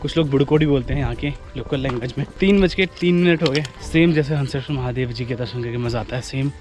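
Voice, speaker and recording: A man's voice: mid-range voice, fast, music in the background. Man narrating a mountain vlog. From Uttarakhand, India. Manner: relaxed, chatty guide talk. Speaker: travel vlogger.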